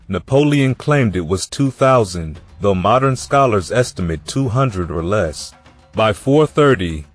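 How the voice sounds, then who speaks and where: A man reading a scripted history narration in an even, measured storytelling way. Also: on the low side. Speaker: documentary narrator.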